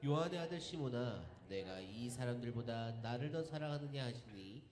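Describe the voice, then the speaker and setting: A man reading scripture aloud in a steady, measured way in a church sanctuary. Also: medium pitch. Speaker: scripture reader. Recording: echoey church hall.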